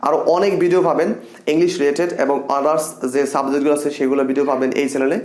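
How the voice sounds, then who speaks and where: A young man teaching English grammar in a casual, animated way, repeating example sentences with feeling. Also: fairly high pitch, brisk. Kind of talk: casual spoken lesson. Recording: echoey room.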